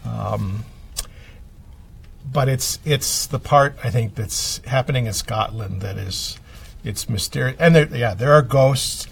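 A man's voice: medium pitch, takes it slowly, gravelly, husky, recorded from a distance. A man speaking as a librarian guest in a casual radio chat, hesitant with frequent ums as he lists book titles.

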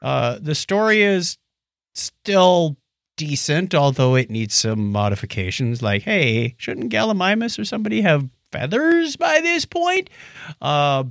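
A middle-aged man with a slightly high voice and some vocal fry talks at a measured pace. He hosts a relaxed co-hosted podcast as a playful, animated storyteller who acts out lines and hums, in a dry, studio-quality recording.

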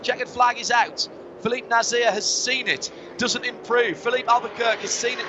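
A man giving fluent, descriptive live motorsport commentary as a play-by-play radio commentator. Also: very high-pitched. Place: live trackside at a street circuit. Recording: dull band-limited broadcast, loud trackside car noise.

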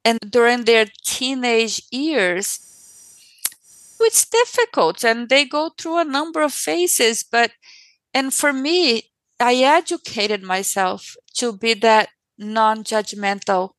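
A woman's voice: a little high, animated, slow, fairly bright tone, no room sound, poor audio. A woman parent speaking earnestly in an interview and repeating phrases for emphasis. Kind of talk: conversational interview.

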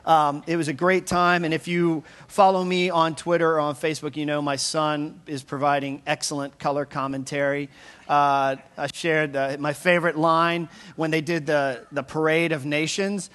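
A man's voice: fairly high pitch, flat delivery, normal speed, a bit bright. A man in his thirties, a pastor, giving a chatty, upbeat sermon full of fillers and restarts. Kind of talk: casual sermon.

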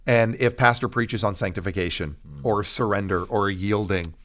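A middle-aged American man, a pastor guest, tells his personal testimony in an interview with a fairly low voice at normal speed and a slightly bright tone. He speaks emphatically like a preacher, using short, repeated phrases.

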